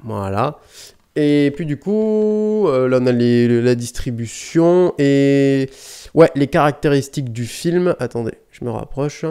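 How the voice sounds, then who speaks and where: A man's voice: medium pitch, measured pace, dark tone, clear, resonant tone. Chatty, rambling man. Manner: rambling, chatty, swears casually, self-corrects often. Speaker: YouTube DVD collector host. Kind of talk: casual unboxing vlog. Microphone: desk mic close up.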